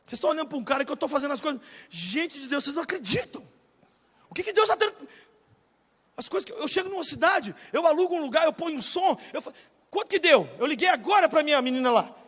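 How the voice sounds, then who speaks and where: A Brazilian pastor in his forties preaching a sermon, swinging from shouted bursts to low, confiding talk. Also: expressive, fast. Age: 40s. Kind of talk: energetic sermon. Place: large church hall, live audience. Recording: reverberant church hall.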